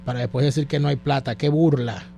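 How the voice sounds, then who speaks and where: A man's voice: medium pitch, fairly even intonation, fast, gravelly, warm tone, soft background music. A man with a Venezuelan accent hosting a radio show, reading messages and taking calls with blunt, sardonic remarks. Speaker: radio host.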